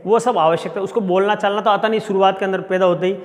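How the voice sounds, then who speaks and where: A man's voice: high voice, steady tone, fast. A middle-aged male sociology professor giving a classroom lecture and explaining step by step with everyday examples. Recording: long reverb.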